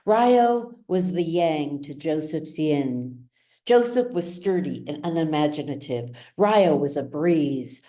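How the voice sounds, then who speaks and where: In a low and mellow voice, a woman narrates her own novel for an audiobook. Her delivery is dramatic yet measured, unhurried from phrase to phrase.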